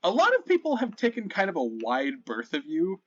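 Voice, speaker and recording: A man's voice: high voice, huge pitch swings, a little fast, a bit bright, highs cut off. A man narrating a tabletop role-playing game casually as game master.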